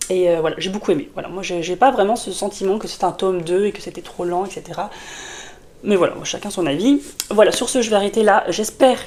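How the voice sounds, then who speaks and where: Talking fast in a mid-range, darkish voice, a book vlogger gives a casual to-camera review of a fantasy novel. She has a sore throat from a cold, and her chatty, rambling speech is heavy on fillers and restarts.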